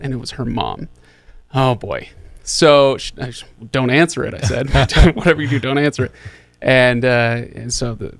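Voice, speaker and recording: A man's voice: mid-range voice, no echo. A man in his thirties hosting a podcast, telling a rambling story in a casual, chatty way, with lots of fillers and restarts. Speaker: podcast host.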